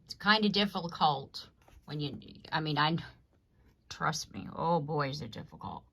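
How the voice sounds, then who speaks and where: A woman's voice: low-pitched, animated, unhurried, gravelly, bright, forceful tone. A woman reading tarot cards for an audience in a rambling, conversational way, often checking in with "you know what I mean.". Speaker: tarot reader. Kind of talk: casual collective tarot reading to camera.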